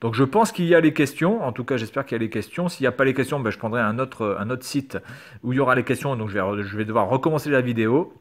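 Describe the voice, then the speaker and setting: A man's voice: medium pitch, quick pace. A man reading quiz questions aloud in a casual commentary video, sarcastic and hesitant, swearing now and then. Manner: reads quiz questions aloud and answers them. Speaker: YouTuber. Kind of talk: casual screen-recorded commentary.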